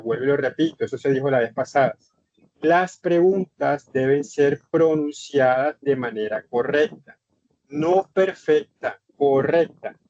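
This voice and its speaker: A man's voice: medium pitch, darkish tone, no echo. A man lecturing in an online English class, explaining instructions with emphatic repetition. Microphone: computer mic in online session. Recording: dull lo-fi online session audio.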